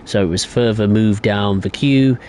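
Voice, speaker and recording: A young adult man streams a game and chats casually, rambling through his opinions with plenty of hesitations. His voice is fairly low and a little mellow at a moderate pace, with a bit of hiss or hum in the audio.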